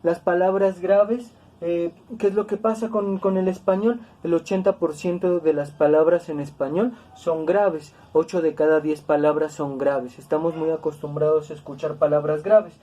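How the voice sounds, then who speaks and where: A woman teaching a grammar lesson, speaking slowly and deliberately, repeating words to stress each syllable. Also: sits low, steady tone, mellow. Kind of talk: classroom-style grammar lesson.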